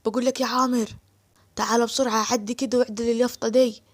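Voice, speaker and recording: A woman voicing a wealthy Egyptian gentleman, earnest and heartfelt, in her own natural voice with an Egyptian accent. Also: very high-pitched, flat delivery, fast.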